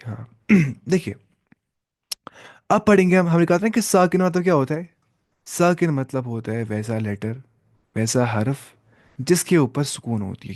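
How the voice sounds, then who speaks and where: Gravelly-voiced male Quran teacher. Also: mid-range voice, darkish tone, no room sound, clean studio sound. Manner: asks the class questions and answers them himself; repeats and slowly drawls sounds to demonstrate. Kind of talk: classroom lesson.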